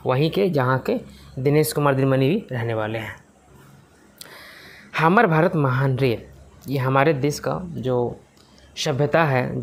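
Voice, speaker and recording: A man teaching an exam-prep lesson, reading lyric lines slowly and then explaining them in plain words. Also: mid-range voice.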